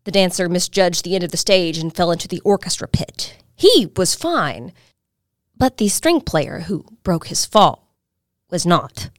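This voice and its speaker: A woman's voice: lowish voice, expressive, measured pace, no echo, studio quality. A woman hosting a history podcast, reading scripted narration in a dramatic storytelling manner. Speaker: podcast host.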